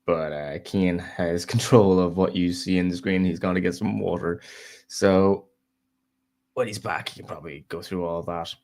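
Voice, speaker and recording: A very low-pitched man talks casually on a livestream, his voice sitting down at the bottom of the male range. He speaks haltingly, full of ums and restarts, and laughs easily. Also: fairly even intonation, a little mellow. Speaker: co-host of a writing livestream.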